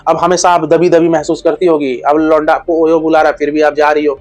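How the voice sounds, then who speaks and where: A man's voice: on the high side, flat delivery, fairly quick, darkish tone, soft background music. A man giving relationship advice in a casual monologue, blunt and slangy with crude humor.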